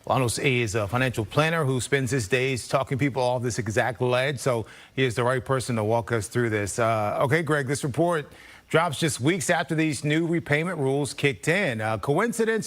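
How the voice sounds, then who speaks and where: A man's voice: medium pitch, normal speed. Breezy TV host man. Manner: breezy, joking questioner. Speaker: TV news host. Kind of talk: TV news interview.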